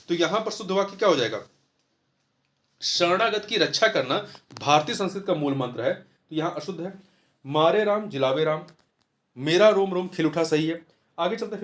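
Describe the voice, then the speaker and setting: A man's voice: sits high, fairly bright tone. A man tutoring through a Hindi test paper, explaining each answer step by step and repeating the key words. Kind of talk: test-paper walkthrough lesson.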